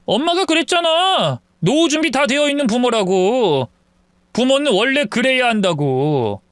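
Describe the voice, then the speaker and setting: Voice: high-pitched, a bit bright, no room sound, clean studio sound. A narrator voicing a cold, irritable middle-aged husband who lectures his mother.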